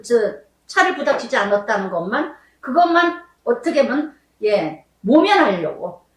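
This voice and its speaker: Emotional woman pastor preaching in an echoey room. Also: far from the mic. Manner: emotional, pleading testimony with swings in pitch and loudness. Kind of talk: sermon.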